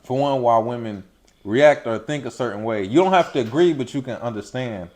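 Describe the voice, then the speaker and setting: A man's voice: mid-range voice, brisk, a little mellow. A young man in his late twenties talks through advice in a loose, conversational way. He slips into quoted voices to act out everyday remarks as he makes his points. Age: 20s. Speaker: vlog co-host. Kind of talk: casual advice chat.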